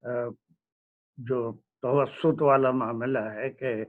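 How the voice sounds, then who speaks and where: A man giving a religious lecture, speaking slowly and pausing often to search for words. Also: medium pitch, fairly even intonation. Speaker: Quran lecturer. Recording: tinny phone-like recording.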